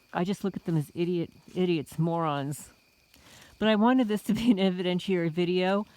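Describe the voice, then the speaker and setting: Indignant and rhetorical, a middle-aged woman from the Bronx, New York addresses her viewers as folks in a casual homesteading vlog full of rhetorical questions. She speaks with a medium pitch and a slightly mellow quality.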